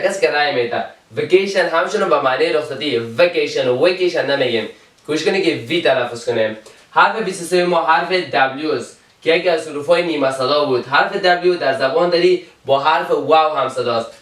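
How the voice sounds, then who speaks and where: Male teacher with an Afghan Dari accent, slightly high, patient and repetitive, mic set back in an echoey room. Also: a bit bright. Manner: slow, repeats each example word. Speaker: English teacher. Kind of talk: alphabet pronunciation lesson. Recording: roomy, from a distance.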